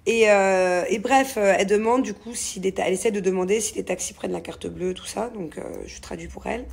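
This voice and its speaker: A woman's voice: mid-range voice, fairly quick, creaky, darkish tone, breathy edge. A woman telling a story in a casual vlog, chatty and rambling with many fillers. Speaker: vlogger.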